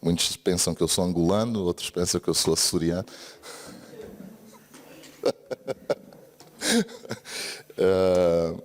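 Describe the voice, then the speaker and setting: Speaking slowly with long pauses, a man from Brazil preaches an earnest sermon in a church hall, often calling for an amen. His voice is low, steady, and darkish, his accent Brazilian mixed with European Portuguese, and the room adds a long reverb.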